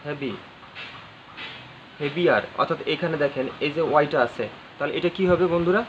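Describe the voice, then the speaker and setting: Slightly fast and a little high-pitched, a man's voice leads an English grammar lesson, spelling words out letter by letter and repeating phrases. He asks his viewers questions along the way. The audio is slightly dull, with faint ambient noise.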